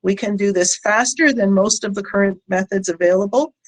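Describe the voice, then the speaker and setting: Woman giving a halting short presentation. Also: mid-range voice. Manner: hesitant delivery with frequent ums and pauses. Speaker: company founder and scientist presenting. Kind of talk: prepared short conference presentation. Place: online presentation with audience in chat.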